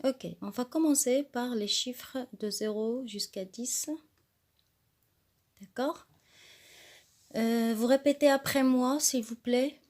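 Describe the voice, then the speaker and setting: Lady teacher going real slow, kinda high voice, has the class repeat after her. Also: a little mellow. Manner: slow, patient, repeats words for pupils to echo. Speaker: French teacher. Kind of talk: classroom lesson.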